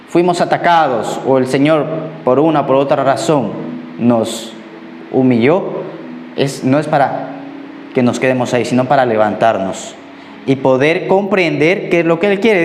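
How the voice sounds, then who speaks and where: A man delivers a sermon in a relaxed, conversational way, often pausing to check that his listeners follow. His voice sits at an ordinary middle pitch. The recording carries the echo of a church hall with faint ambient noise behind him. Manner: conversational preaching, often asks "¿Ok?". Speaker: pastor.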